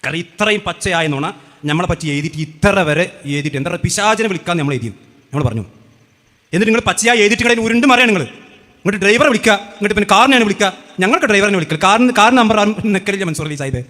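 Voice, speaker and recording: Rapid, bright-voiced sarcastic man. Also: sits high, expressive. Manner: sarcastic, mocking, rapid-fire questions. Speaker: religious speaker. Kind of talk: heated rebuttal speech. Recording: echoey hall with long reverb.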